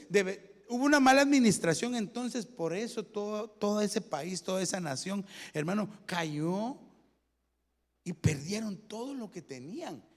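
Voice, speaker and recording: High-voiced pastor preaching in a reverberant hall. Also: male voice. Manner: conversational preaching, addresses "hermano", asks rhetorical questions; explains Hebrew word meanings. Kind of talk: sermon. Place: church.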